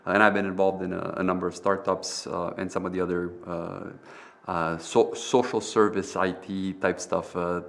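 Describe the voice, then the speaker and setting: A man's voice: deep voice, level tone, normal speed, gravelly. A middle-aged man, a university professor from Romania who grew up partly in the US, explaining business strategy on a panel in a lecturing way. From Romania, raised partly in the US. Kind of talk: panel talk.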